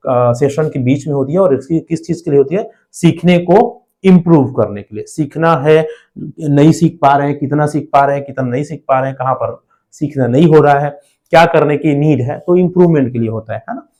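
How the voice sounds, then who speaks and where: A man's voice: a little high, fairly quick, warm tone. An Indian man teaching an exam prep lesson, explaining step by step and often asking rhetorical questions.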